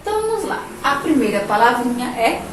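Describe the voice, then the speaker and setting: A woman teacher with a Brazilian Portuguese accent giving a remote lesson to young children, spelling words out slowly, syllable by syllable. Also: on the high side, very animated, background noise. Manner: slow, syllable-by-syllable teacher talk with diminutives. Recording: echoey distant room mic, faint ambience.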